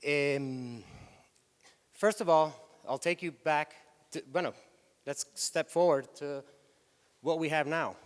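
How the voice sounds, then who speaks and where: A Spanish-accented man who heads a tour company gives a stage presentation in a hall with an audience, and the recording is reverberant. He's loose, chatty and self-correcting, with a smooth voice on the high side, speaking slowly with long pauses.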